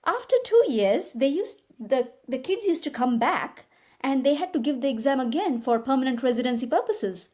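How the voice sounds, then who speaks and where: Woman, Indian accent, Tamil native speaker, interview guest, storytelling, animated, higher voice. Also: moderate pace. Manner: animated, tag questions and quoted dialogue. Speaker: guest, migration agent.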